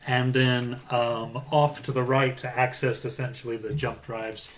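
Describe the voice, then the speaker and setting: A man's voice: medium pitch, little pitch movement, unhurried, a little hiss or hum. A man narrating an improvised tabletop game as game master, searching for words as he goes.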